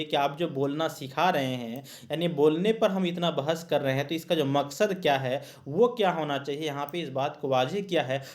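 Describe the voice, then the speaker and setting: Man, teacher, exam-prep lecture, slightly high voice, repetitive explaining, filler-heavy. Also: a little mellow. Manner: explains each point in repeated rephrasings with many fillers.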